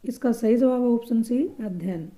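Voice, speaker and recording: A woman teaching a grammar lesson for exam preparation, patiently explaining answers and repeating each correct word slowly and softly. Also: a little high.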